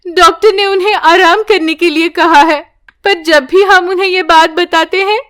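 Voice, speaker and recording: A woman voicing a poor, protective village mother in an animated bedtime story, urging and soothing by turns. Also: very high-pitched, moderate pace, pitched above the performer's own voice. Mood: urgent.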